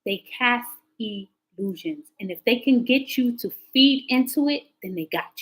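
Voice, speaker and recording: A woman hosting a live tarot stream, chatting casually to her viewers as a rambling storyteller whose pitch jumps up when she gets excited. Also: unhurried, rough recording.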